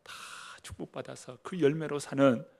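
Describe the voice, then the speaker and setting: A middle-aged man preaching a sermon as pastor, with emphatic declarations that drop to hushed asides. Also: medium pitch, steady tone, moderate pace, creaky. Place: church sanctuary.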